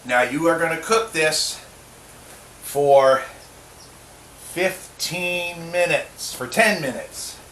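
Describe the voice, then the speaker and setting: In his home kitchen, a middle-aged man presents a relaxed cooking show, bantering and joking with himself as he goes. His pitch is fairly high and his tone fairly bright, and he speaks slowly, leaving long pauses. Recorded from a distance, the audio is roomy with plainly audible background noise.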